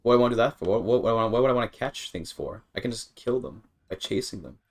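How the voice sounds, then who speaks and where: A Canadian game streamer gives casual live commentary on his gameplay, thinking aloud in a rambling way and repeating words. His voice is mid-range and he talks at a quick pace.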